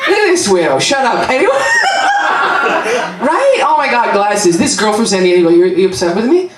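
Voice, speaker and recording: A Canadian-accented woman with a medium-pitched voice, big pitch swings, and normal speed does a profane stand-up set with crowd work in a comedy club. She's brash and chatty and laughs at her own jokes, while the mic picks her up from far away in the echoey club over a loud crowd.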